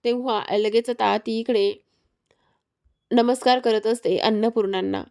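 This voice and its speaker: A woman's voice: fairly high pitch, fairly even intonation, a little slow, a little mellow, smooth. A woman narrating a recap of a TV serial's episode, retelling it steadily with frequent fillers.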